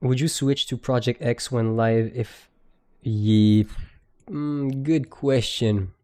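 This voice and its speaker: A young Quebec day trader in his twenties, a native French speaker with a Quebec accent, chats loosely with viewers on his live stream, using lots of slang and laughing easily. His mid-range voice is steady, slow and darkish, with a clean tone.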